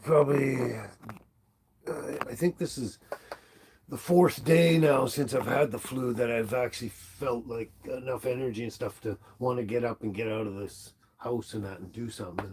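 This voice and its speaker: A middle-aged man, congested with the flu, hosts a casual livestream from home, reading comments and chatting with viewers by name. His medium-pitched voice moves at a moderate pace, relaxed and rambling. His laptop microphone picks up background noise.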